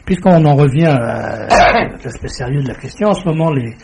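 A man's voice: medium pitch, lively intonation, normal speed. A man hosting a radio interview, asking listener questions in a teasing, joking way. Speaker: radio host. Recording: noisy radio broadcast.

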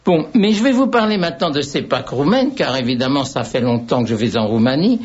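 A man's voice: mid-range voice, lively intonation, brisk, a little mellow, slightly rough. An older man, a radio guest, telling rambling anecdotes with wry asides. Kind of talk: radio conversation. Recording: dull radio sound.

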